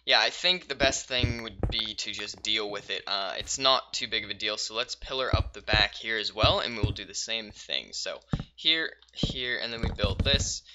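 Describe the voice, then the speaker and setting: A man giving relaxed let's-play commentary while building in a game, thinking aloud with many pauses and fillers and sudden excited bursts. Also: fairly low pitch. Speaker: gaming YouTuber.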